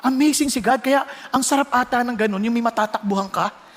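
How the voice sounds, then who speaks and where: A pastor with a Filipino accent preaching a sermon, mixing Tagalog and English with sudden loud exclamations. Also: male voice, very high voice, a little fast, in a large hall.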